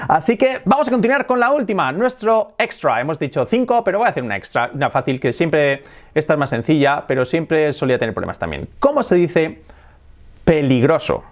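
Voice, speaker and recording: A man with a Spain Spanish accent giving an animated online English pronunciation lesson, repeating words and often laughing. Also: on the high side.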